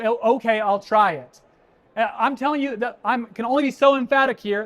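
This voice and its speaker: A man's voice: very high voice, a bit bright. A man giving a keynote at a conference, emphatic and conversational, talking straight to the audience. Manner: punchy, conversational, addresses the audience as folks. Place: conference stage before an audience.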